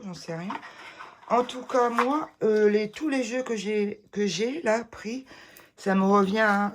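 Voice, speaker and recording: A woman chatting casually to the camera as she shows off her tarot decks, rambling and full of hesitations and restarts. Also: mid-range voice. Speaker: vlogger showing tarot decks. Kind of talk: casual chat.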